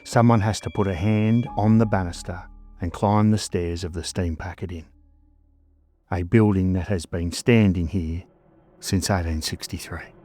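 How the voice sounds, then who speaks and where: A man's voice: deep voice, fairly even intonation, normal speed, mellow, soft background music. An Australian man narrating scripted ghost stories as a storyteller host, in a suspenseful, dramatic manner with short phrases.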